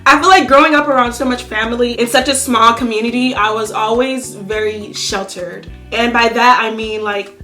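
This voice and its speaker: A young Nigerian YouTuber does her makeup while chatting through a casual storytime for her channel. Her fairly high voice sounds pushed and bright, and she's sassy and full of slang.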